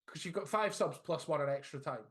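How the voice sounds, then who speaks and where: Blunt, higher-voiced football pundit man. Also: a little fast, fairly bright tone. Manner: opinionated, blunt. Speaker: podcast co-host. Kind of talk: casual football chat.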